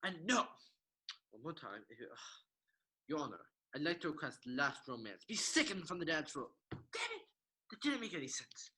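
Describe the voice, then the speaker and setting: A man's voice: on the high side, normal speed. A man playing a tired young actor who keeps stumbling through his audition lines in an online amateur comedy sketch. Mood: flustered. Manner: stumbling, exasperated, lively delivery. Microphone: video call.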